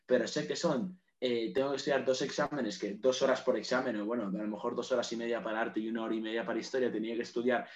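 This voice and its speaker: A man's voice: medium pitch, steady tone, fast, few pauses. A young man, chatting casually as a podcast co-host, rambling off on tangents and swearing offhandedly. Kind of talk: casual chat. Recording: roomy, dull lo-fi sound.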